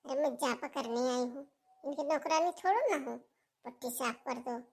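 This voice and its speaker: A woman's voice: high voice, normal speed, a little mellow. A woman playing a sneering young sister-in-law. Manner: sneering, dismissive. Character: sharp-tongued young sister-in-law, lazy and contemptuous. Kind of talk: family melodrama acting.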